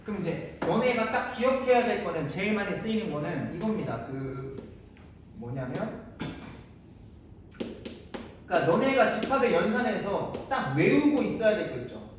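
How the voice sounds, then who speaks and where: A man teaches a math class in a chatty, rambling way, joking with his students as he goes. His voice sits high and swings widely in pitch. The sound comes from a mic well away from him in a strongly echoing room with faint noise. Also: expressive, moderate pace, pauses often, distant mic. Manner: chatty, digressive, bantering with students in casual speech. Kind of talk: casual classroom lecture.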